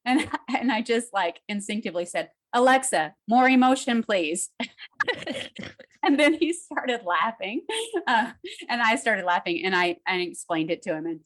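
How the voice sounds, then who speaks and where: A woman's voice: medium pitch, normal speed. A woman relationship coach talking in a casual podcast conversation, telling stories and acting out the voices she quotes. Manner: animated storyteller, acts out quoted voices.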